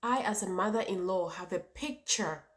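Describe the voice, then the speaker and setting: Talking to her viewers as a channel host, this Ghanaian-accented woman shares her opinions with emphasis, going back over her points and throwing out rhetorical questions. She has a mid-range voice and speaks at normal speed.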